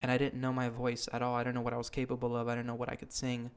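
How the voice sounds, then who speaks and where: Racing along in a smooth, monotone voice of medium pitch, a young man hosts a podcast. His casual talk is earnest but rambling, littered with ums and false starts.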